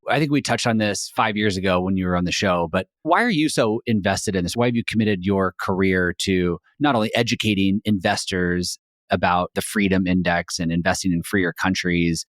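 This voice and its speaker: A male podcast host with a very low voice asks measured, probing questions. The sound is dry and close, with no room around it. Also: dry recording. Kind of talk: interviewing a guest.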